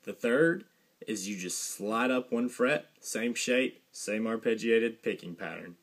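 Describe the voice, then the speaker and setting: Low-voiced young man teaching guitar. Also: measured pace. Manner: relaxed, rambling, with fillers and a dry joke. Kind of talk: casual guitar lesson. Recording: guitar playing behind the voice.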